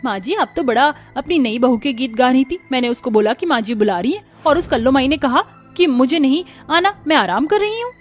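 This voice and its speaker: A woman's voice: high voice, expressive, a little fast, hardly any pauses, faint music behind. A woman voicing a scheming young sister-in-law who mocks and frames the new bride. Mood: sly. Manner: sneering, mocking. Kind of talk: dubbed cartoon story voice.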